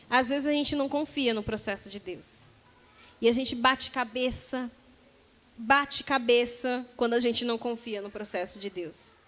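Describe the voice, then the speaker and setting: A Brazilian woman with a high voice preaches a sermon, telling the story with lively energy and slipping into the voices of its people. Her words ring out with the long reverb of a church hall. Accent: Brazilian Portuguese.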